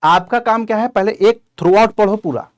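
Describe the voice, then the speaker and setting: A man's voice: high voice, normal speed, dry recording, studio quality. A man teaching as an exam coaching teacher, giving direct, conversational advice to his students in an informal lecture.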